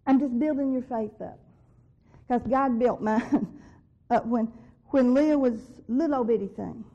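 Speaking at a measured pace in a slightly high, dark-toned voice, a woman gives a sincere account of her faith. When she repeats what she believes God told her, she becomes emphatic, and the lo-fi recording sounds dull.

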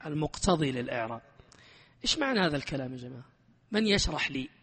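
A man teaching a grammar lesson, animated and emphatic, who keeps quizzing his class. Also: a little high, rapid-fire, slightly rough, long reverb tail.

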